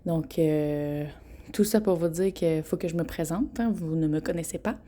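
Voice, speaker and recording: A woman in her twenties from Quebec, speaking with a Québécois French accent, hosts a casual solo podcast. Her voice is low and mellow at a moderate pace, and she's frank and chatty, often laughing and tripping over her words.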